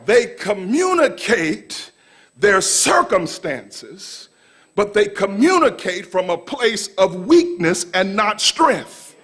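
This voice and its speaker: A middle-aged man preaching a call-and-response sermon in a church, repeating phrases and shouting for emphasis. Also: high-pitched, slightly rough. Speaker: pastor. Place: church sanctuary.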